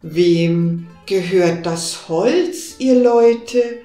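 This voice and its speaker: A woman voicing a dignified fairy-tale king, speaking slowly and grandly. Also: fairly low pitch, warm tone. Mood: stately. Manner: slow and dignified. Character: slow, stately, amazed old king. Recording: roomy with faint music behind.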